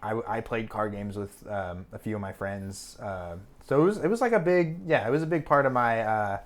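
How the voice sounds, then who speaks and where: A man's voice: on the low side, normal speed. A young man co-hosting a podcast, chatting casually and rambling with fillers and restarts. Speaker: podcast co-host. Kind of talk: casual chat.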